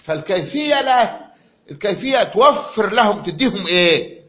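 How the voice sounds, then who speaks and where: A man's voice: high-pitched, expressive, moderate pace, slight background noise. A man with an Egyptian accent giving a classroom lecture, often repeating himself and quizzing his students. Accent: Egyptian Arabic. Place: lecture room. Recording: dull lo-fi recording.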